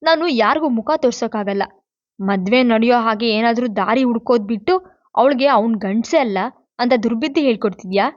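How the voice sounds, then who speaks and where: A woman's voice: on the high side, brisk, dry recording, lightly acted. Woman voicing a nagging, worried mother. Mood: reproachful. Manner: nagging and reproachful. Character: anxious scolding middle-aged mother. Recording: dull lo-fi dry recording.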